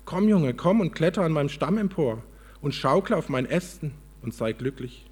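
Gentle giving tree, as a man puts it on, tender, apologetic, slightly husky. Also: fairly high pitch, expressive, normal speed. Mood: pleading.

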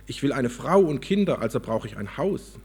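Brief: a wanting, blunt boy turned weary old man, voiced by a man, slightly husky. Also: medium pitch, sing-song, normal speed, a little mellow, heavily acted. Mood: demanding. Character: demanding boy growing into a tired old man.

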